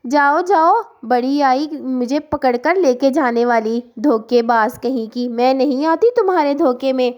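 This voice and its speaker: A woman voicing a cautious female pigeon in a cartoon story, polite and sweet but sharp when she scolds. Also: sits high, measured pace, few pauses. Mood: scolding.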